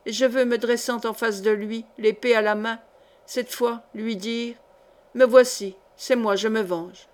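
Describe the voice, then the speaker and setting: A woman's voice: on the high side, steady tone, a little slow, lightly acted. A woman reading the part of an embittered, vengeful middle-aged nobleman in an audiobook, grave and brooding. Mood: anguished.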